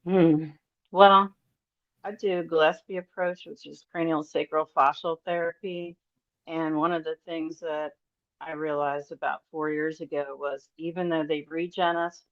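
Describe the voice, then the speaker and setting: A woman's voice: low voice, steady tone, unhurried, dry recording. A woman guest in a podcast roundtable, giving a rambling personal testimony full of fillers and nervous laughter. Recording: dull lo-fi audio.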